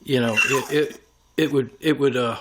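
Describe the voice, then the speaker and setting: A man's voice: mid-range voice, steady tone, normal speed, background noise. Man explaining workshop steps while working. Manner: talks through each step while working. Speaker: airgun tuner demonstrating machining. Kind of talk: hands-on workshop tutorial.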